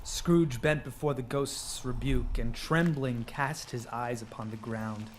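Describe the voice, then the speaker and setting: A man's voice: medium pitch, unhurried, slight background noise. A man narrating a radio drama as a scripted storyteller, with music underneath.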